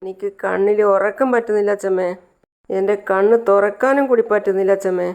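A woman's voice: mid-range voice, steady tone, brisk, a little mellow, close to an everyday voice. A woman voicing a small sick girl who whines and pleads. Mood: whimpering.

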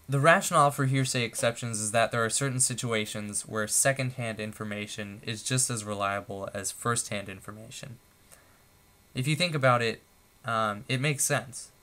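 A man presenting a tutorial lecture, explaining points in a steady, methodical way with a few fillers. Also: lowish voice. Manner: steady, methodical, stepping through numbered points with occasional fillers.

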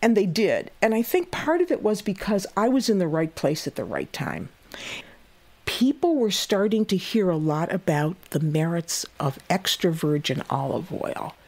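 A woman in her eighties, a guest who hosts a cooking show, telling her story in an interview with lively energy and frequent laughs. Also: on the low side, normal speed. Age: 80s. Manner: lively, laughing, acts out quoted voices.

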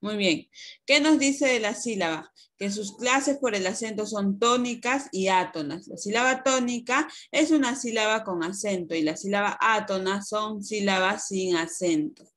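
A woman teaches young pupils over a video call. She explains patiently and slowly, asking questions and then answering them. Her voice sits at an ordinary middle pitch. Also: a bit bright. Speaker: primary school teacher. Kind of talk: online class lesson.

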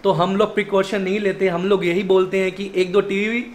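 A man's voice: high voice, little pitch movement, a little fast. A young man in his twenties with a Delhi accent, hosting a casual vlog and chatting in a friendly way, recorded on a phone held at arm's length in a small indoor shop office. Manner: chatty, friendly, calls the other man brother. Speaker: vlogger host. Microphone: phone camera held at arm's length.

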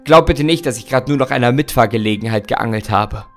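A man's voice: medium pitch, brisk, soft background music, natural voice. A man reading aloud, voicing a skeptical writer who speaks in a light, reassuring way. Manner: light, reassuring, a bit raised.

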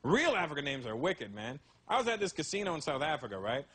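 A male stand-up comedian telling animated stories with many asides to the audience. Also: on the high side, fast talker, husky. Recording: live comedy show, loud crowd laughter.

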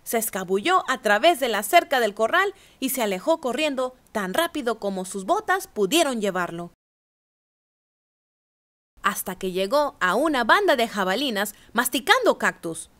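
A woman reading a children's picture book aloud with expressive, animated storytelling. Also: a little high, moderate pace.

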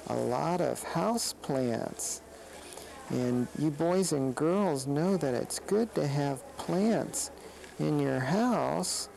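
Friendly kids'-show snake, as a performer voices it, very gravelly, dark tone. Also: medium pitch, slight background noise, exaggerated voice, low-quality recording. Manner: gentle, explaining to children. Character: friendly snake puppet touring a flower show. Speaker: children's show presenter. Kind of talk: kids' TV field segment.

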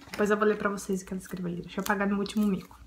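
A woman's voice: mid-range voice, big pitch swings, fast, a little hiss or hum. A young woman from Brazil chatting casually at home in a vlog, bubbly and giggly, easily embarrassed. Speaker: vlogger. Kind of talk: casual chat. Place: home, indoors by a window.

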